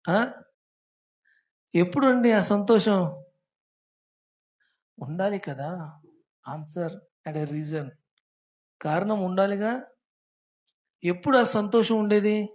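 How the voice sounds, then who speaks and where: A young preacher at a Sunday service keeps tossing rhetorical questions and short prompts at the congregation. English phrases slip into the sermon now and then, and the voice sits at a middling pitch. It comes through a dull, lo-fi church recording. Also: a little mellow.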